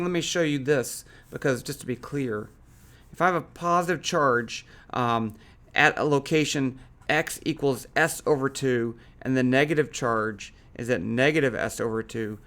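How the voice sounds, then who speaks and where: A man's voice: fairly high pitch, a bit bright. A man hosting a physics coding tutorial, talking casually and thinking aloud with fillers and small self-corrections.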